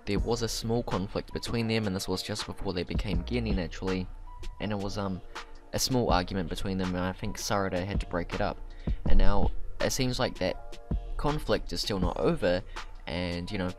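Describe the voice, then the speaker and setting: Guy with a lowish voice doing casual youtube preview commentary, kinda thinking out loud, music playing behind him. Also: moderate pace. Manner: conversational, hedging and self-correcting as he thinks aloud. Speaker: YouTube anime commentator and host.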